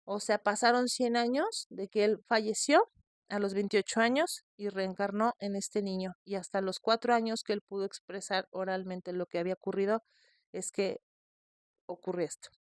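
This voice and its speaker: Female podcast host, expressive storyteller, dry booth sound. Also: medium pitch, normal speed, no room sound. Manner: animated retelling with quoted voices.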